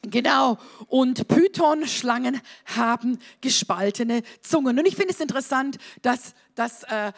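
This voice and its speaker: A woman preaching a charismatic sermon to a congregation, swinging from shouted declarations to quiet conversational asides and asking them questions. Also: high voice, unhurried. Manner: talks straight to the congregation with questions and amens.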